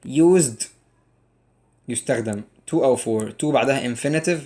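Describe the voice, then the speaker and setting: A man's voice: mid-range voice, normal speed, a little mellow. A young man with an Egyptian Arabic accent teaching an English lesson, joking and teasing his students and drilling each rule over and over. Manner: jokey, teasing, drills rules by repetition. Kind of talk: playful exam-prep lesson.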